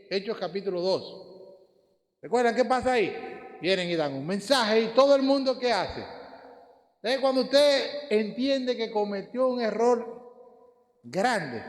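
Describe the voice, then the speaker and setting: A man with a Dominican Spanish accent preaching a sermon, posing rhetorical questions to the congregation. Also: high voice. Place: church hall. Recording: long church hall reverb.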